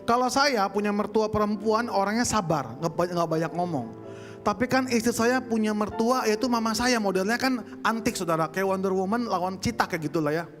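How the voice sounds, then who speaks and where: A man's voice: high voice, a little fast, fairly bright tone, long reverb tail, soft background music. Chatty man telling a church story. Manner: chatty storytelling, addresses the congregation as saudara. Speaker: singer giving a testimony at church. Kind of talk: humorous church testimony. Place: church service.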